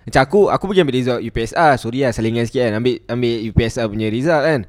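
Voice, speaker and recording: A young man with a Malaysian Malay accent, hosting a casual podcast chat with quick, teasing banter. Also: medium pitch, no echo, clean studio sound.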